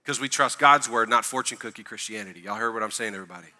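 A man's voice: fairly low pitch, racing, bright, forceful tone. A male pastor giving a sermon in a conversational way, repeating key phrases for emphasis.

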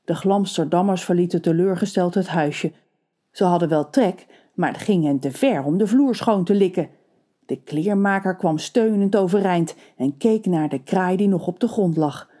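A woman narrating a storybook tale in a playful, expressive way. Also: on the low side, normal speed.

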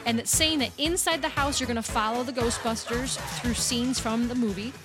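A woman's voice: fairly high pitch, steady tone, a little fast, music in the background. Upbeat chatty woman podcast host. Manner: chatty, upbeat, reads news items aloud. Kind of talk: casual podcast chat about theme parks.

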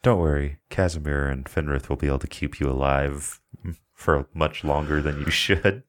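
A man's voice: very deep voice, normal speed. A man playing a tabletop game, chatting casually and gleefully describing grisly details with frequent laughter. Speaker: player.

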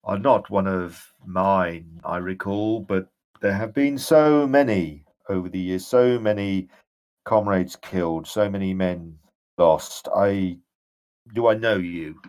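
A man voicing the weary ghost of a big armored general in a tabletop game, deep and booming, with a slow, halting, solemn delivery. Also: darkish tone. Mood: weary, mournful. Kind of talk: tabletop game role-play.

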